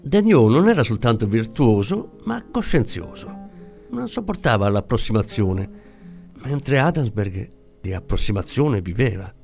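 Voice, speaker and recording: A man narrating an audiobook in a measured storytelling manner. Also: mid-range voice, very animated, gravelly, a little mellow, soft background music. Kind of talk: scripted narration.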